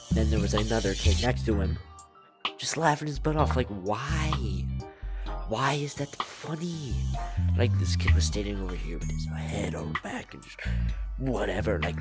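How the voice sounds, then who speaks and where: This video creator, a young adult with a mid-range voice, vents in a casual, exasperated way, asking one rhetorical question after another. The voice comes through slightly muffled, like it's inside a rubber mask.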